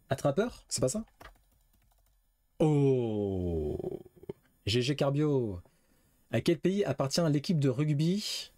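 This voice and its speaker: Male streamer, mid-pitched, talks through quiz guesses aloud, dry close sound. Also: darkish tone, no echo. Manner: reads questions aloud, guesses, swears casually. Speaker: gaming streamer. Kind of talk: casual live quiz game commentary.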